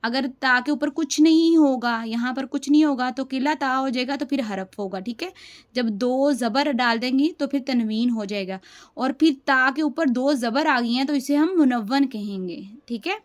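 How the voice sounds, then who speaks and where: A woman teaching a beginner tajweed lesson, patient and repetitive, spelling out sounds slowly and checking in with "theek hai" after each point. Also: high voice. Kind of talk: beginner lesson explaining step by step.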